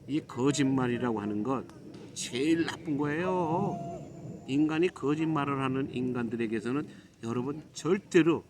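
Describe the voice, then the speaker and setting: A middle-aged man from Korea giving a preachy, admonishing monologue to his viewers, with emphatic pauses. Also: mid-range voice, noisy background. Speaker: YouTube commentator.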